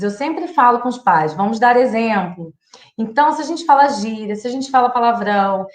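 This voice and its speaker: A Brazilian psychologist in her thirties gives parenting advice on a live stream, her slightly high voice echoing in the room. She speaks with a Brazilian Portuguese accent in a chatty, direct way and acts out sample phrases to say to children.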